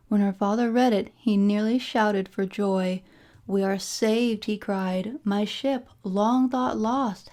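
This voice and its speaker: A woman narrating a fairy tale from a storybook in a measured, formal storytelling delivery. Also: medium pitch, dark tone. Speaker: storybook reader.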